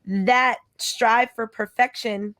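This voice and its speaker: A woman hosts a casual interview and responds to her guest in a lively, direct and affirming way. Her voice sits a little high. The recording is close and dry, with no room sound. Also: slow pace, no room sound. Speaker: interview host.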